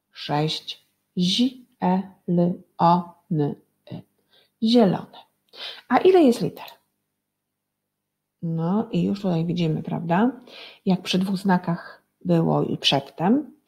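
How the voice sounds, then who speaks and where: Sounding out each word patiently for young children, this primary school teacher asks the class to say it back to her in a recorded lesson. She has a creaky, darkish voice on the low side.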